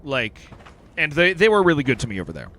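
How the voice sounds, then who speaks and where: A man's voice: on the high side, huge pitch swings, quick pace, pushed and bright, a little hiss or hum. A man streaming a video game live, chatting casually and rambling with lots of fillers. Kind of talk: casual live-stream commentary while gaming.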